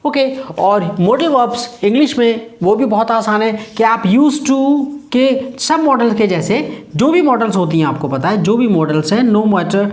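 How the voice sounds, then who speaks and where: A man's voice: high voice, lively intonation, a little slow, hardly any pauses, a little mellow, echoey room. A man teaching an English grammar lesson to students, patiently repeating key words and quizzing them.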